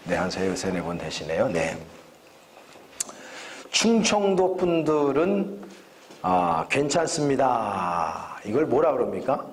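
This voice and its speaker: A man's voice: medium pitch, very animated, slow pace, long pauses, slight background noise. A man preaching as guest pastor at a church revival service, joking with the congregation and asking them questions. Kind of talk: revival sermon. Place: church sanctuary.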